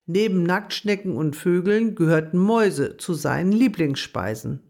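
A storyteller reading a children's story aloud in a gentle, expressive way. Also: mid-range voice, moderate pace.

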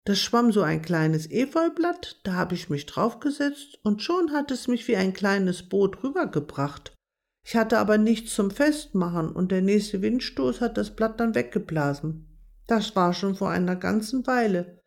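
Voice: medium pitch, animated, unhurried, gravelly, pitched above the performer's own voice. A storyteller voicing a tiny, timid young male frog in a children's story, plaintive and anxious. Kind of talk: storybook reading.

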